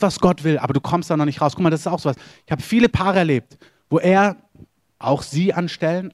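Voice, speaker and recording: A man's voice: dry recording, clean studio sound. A man preaching a sermon in German, earnest and direct, questioning his listeners and building to raised emphatic runs. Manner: swings between soft lows and raised emphatic runs. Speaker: pastor.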